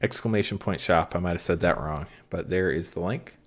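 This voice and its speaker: Broadcasting live from his card shop over a phone and computer setup, a man with a low-pitched, slightly fast voice reads card text aloud and chats casually with viewers. He says "um" a lot.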